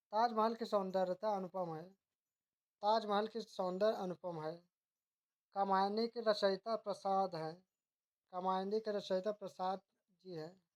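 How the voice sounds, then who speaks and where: A woman teacher working through a grammar drill at an even, measured pace. She reads each wrong sentence, then its corrected form, and now and then stops to fix a word mid-way. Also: mid-range voice.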